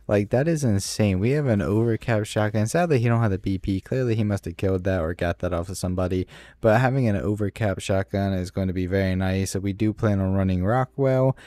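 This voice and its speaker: A man talks through a game raid in a relaxed, rambling way, full of fillers and restarts. His voice sits low and mellow. The recording is dry and close, with no room sound. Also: brisk, no echo. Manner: laid-back, rambling with many fillers. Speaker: gaming YouTuber. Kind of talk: casual gameplay commentary.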